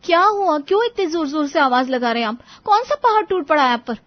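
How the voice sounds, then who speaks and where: A worn-out young mother, voiced by a woman in a cartoon tale, pushing back at her in-laws in exasperation. Her voice is high and the recording sounds muffled and lo-fi. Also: normal speed. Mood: exasperated. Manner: protesting, exasperated. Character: tired young mother, put-upon daughter-in-law.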